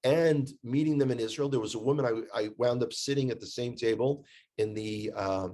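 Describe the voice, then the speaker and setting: Speaking at normal speed, the American tour guide living in Israel has a medium-pitched, dark voice. As a guest, he tells stories conversationally and casually, leaning on emphasis and repeated phrases.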